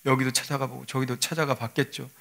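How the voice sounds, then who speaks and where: A man's voice: medium pitch, level tone, fast talker, vocal fry, bright, forceful tone. A male pastor giving a sermon in a conversational way, often asking his listeners rhetorical questions.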